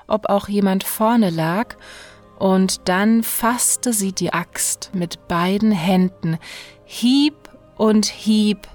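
Slow-reading woman telling a fairy tale. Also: mid-range voice, darkish tone. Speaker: narrator.

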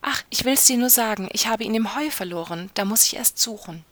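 A woman's voice: fairly high pitch, lively intonation, a little fast, a bit bright, no room sound. A woman reading a fairy tale aloud, voicing a frightened young wife who pleads desperately for help. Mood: flustered. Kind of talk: storybook reading.

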